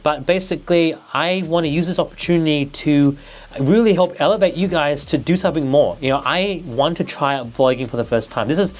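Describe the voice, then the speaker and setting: A man's voice: a little high, a little fast. A man, a nervous vlogger talking casually to camera with many restarts and fillers. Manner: hesitant, restarts and fillers, motivational.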